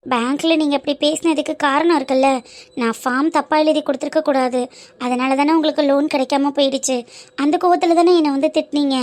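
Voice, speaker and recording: A woman's voice: sits high, steady tone, quick pace, lightly acted. A woman voicing a remorseful, apologetic young woman in a family cartoon. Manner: pleading, self-blaming. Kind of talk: cartoon dub acting.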